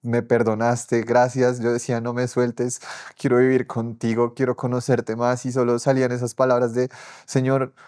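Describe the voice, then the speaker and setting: A man's voice: medium pitch, completely flat delivery, normal speed, a little mellow, clean tone. A young man telling his personal faith testimony earnestly, often quoting what he said and prayed. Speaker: testimony speaker.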